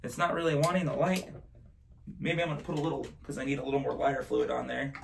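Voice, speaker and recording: A man in his thirties presenting a live show as a kids' party magician, with animated, playful showmanship. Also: mid-range voice, quick pace, vocal fry, slight background noise.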